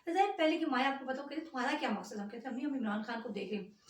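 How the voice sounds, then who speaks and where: Older lady rambling thru a story, kinda high voice, sounds far off in an echoey room. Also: racing. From Punjab, Pakistan. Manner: chatty, rambling, animated. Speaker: vlogger. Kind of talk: storytelling vlog. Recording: echoey room, voice from afar, faint ambience.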